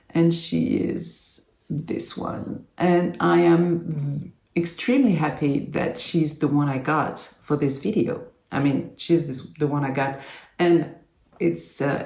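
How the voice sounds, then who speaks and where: A French-accented collector unboxes a doll at an unhurried pace, often pausing to find the next word. The voice has a gravelly edge, and the recording carries a roomy echo. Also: mid-range voice, a little mellow. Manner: halting, searching for words, with frequent ums. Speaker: doll collector and channel host. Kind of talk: casual unboxing commentary.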